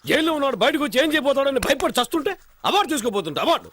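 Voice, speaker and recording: A frantic, high-voiced father. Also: big pitch swings, rapid-fire, background noise. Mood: exasperated. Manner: pleading, exasperated. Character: flustered middle-aged father, anxious and pleading. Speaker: film character, father. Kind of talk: Telugu film dialogue.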